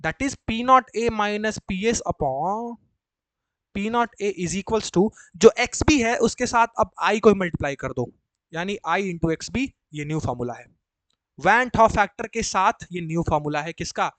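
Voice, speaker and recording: A man's voice: high-pitched, lively intonation, a little slow, fairly bright tone, no room sound. A male chemistry teacher explaining to students in a live class, chatty and coaxing, often repeating points and quizzing them. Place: coaching classroom.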